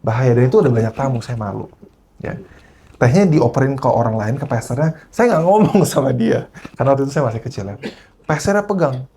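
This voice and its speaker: A man's voice: mid-range voice, quick pace, slight background noise. A man preaching a sermon at a church service, switching into English phrases and often checking in with the congregation as he tells stories. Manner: animated storyteller.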